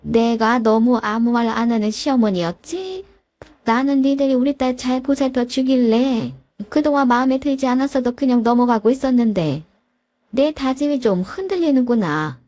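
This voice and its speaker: A domineering older mother-in-law scolds in a sharp, commanding way, as a woman reads her in a fairly high voice. The recording is dry and close, with no room sound. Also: normal speed, no echo, natural voice. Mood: scolding.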